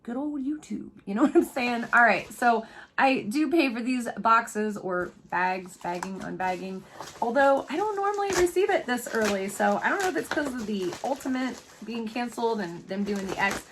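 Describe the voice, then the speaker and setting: A woman's voice: on the high side, normal speed, noisy background. A woman chatting casually as she unboxes beauty products, thinking aloud and laughing often. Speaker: beauty vlogger.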